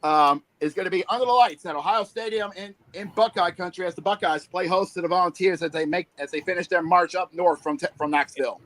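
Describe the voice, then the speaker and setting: High-voiced rambling sports podcast man. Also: fast, few pauses, fairly bright tone, low-quality recording. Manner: rambling with many restarts and fillers. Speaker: podcast co-host. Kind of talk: casual sports chat.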